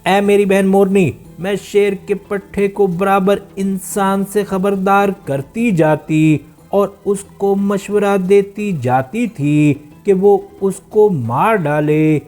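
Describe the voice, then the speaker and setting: A frightened female duck recounts her tale in a storybook telling, as a man reads her part. The voice sits high and the reading stays measured, easing down at the ends of sentences, with faint instrumental music beneath. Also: steady tone, a little mellow, close to an everyday voice. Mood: urgent. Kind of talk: storybook narration.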